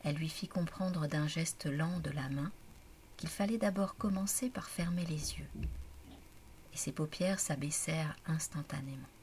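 Woman narrator, whispered storytelling narration, low voice, faint hiss. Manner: hushed slow reading.

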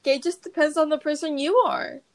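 A young woman with a distinctly high voice and a Puerto Rican accent chats as a podcast co-host. She mixes Spanish and English freely in Spanglish, dropping in little tag questions to check she is understood. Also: steady tone, moderate pace. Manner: Spanglish, switching between Spanish and English mid-sentence. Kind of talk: casual chat.

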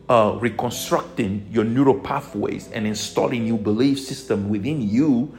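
A man with a Togolese accent delivers a motivational spiritual lesson. His medium-pitched voice moves in deliberate phrases with emphatic stresses. Soft music plays behind him. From Togo, West Africa. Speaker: spiritual life coach, teacher.

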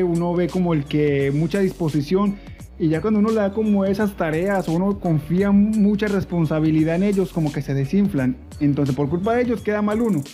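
High-voiced man telling a funny story. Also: warm tone. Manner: humorous storytelling with playful voices. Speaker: podcast co-host.

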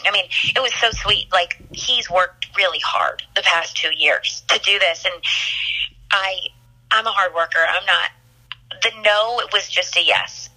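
A young woman being interviewed about her time as a singing contestant, telling the story in an animated, chatty way with lots of fillers. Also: on the low side, husky, low-quality recording. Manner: animated, chatty, laughs often, many fillers.

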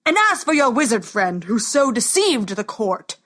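A woman narrator voicing a commanding male king who thunders formal proclamations, loud and stately. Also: medium pitch, very animated, slow, exaggerated voice.

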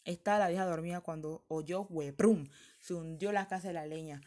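A young woman tells a folktale, lively and expressive. Her voice sits a little low for a woman. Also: moderate pace. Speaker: storyteller. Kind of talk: folktale narration.

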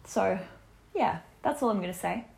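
A woman's voice: medium pitch, lively intonation, moderate pace, gravelly, darkish tone. A woman in her twenties talking casually to camera about health, chatty and full of fillers. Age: 20s. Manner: chatty, many fillers and restarts. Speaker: vlogger.

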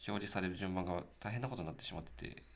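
A young man speaks. He chats casually on a podcast in a relaxed way, and now and then reads posts aloud. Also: low-pitched, very fast, gravelly. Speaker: podcast co-host, band member. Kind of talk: casual chat.

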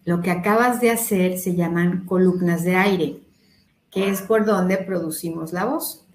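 A woman leading a voice workshop, calmly counting breaths and explaining exercises. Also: lowish voice, unhurried, roomy sound, slight background noise. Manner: instructive, counting breaths aloud. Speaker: voice coach. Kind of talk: guided voice workshop.

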